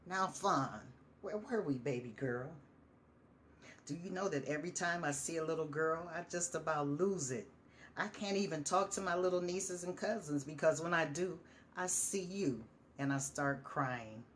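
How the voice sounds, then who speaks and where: A woman's voice: low voice, normal speed, a little hiss or hum, lightly acted. A woman voicing a guilt-ridden, paranoid male veteran who drinks, talking in a raised, agitated, rambling way. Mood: mournful.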